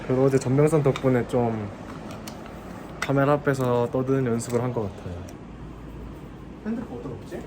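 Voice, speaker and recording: A man's voice: medium pitch, fairly even intonation, brisk. A man chatting casually to the camera as a vlogger. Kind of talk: casual vlog chat to camera. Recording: clear background noise.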